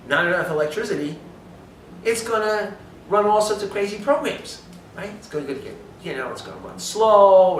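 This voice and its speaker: A man's voice: fairly high pitch, fairly bright tone, slight background noise. A man giving an emphatic health talk, lecturing and asking rhetorical questions. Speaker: speaker on supplementation. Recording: echoey room from far off.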